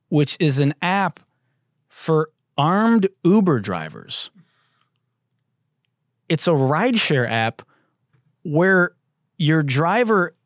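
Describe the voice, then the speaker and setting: A man's voice: on the high side, dry recording, studio quality. A man hosting a comedy talk podcast, sarcastic and profane, laughing often between jokes. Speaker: podcast host.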